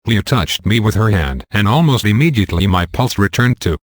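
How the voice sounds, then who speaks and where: A man narrating an audiobook in a measured, unhurried reading. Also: fairly low pitch, lively intonation, no echo.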